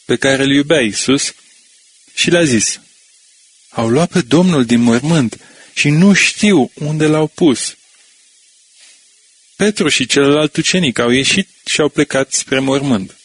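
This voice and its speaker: A man reading a scripture passage aloud in a steady, measured way. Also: medium pitch.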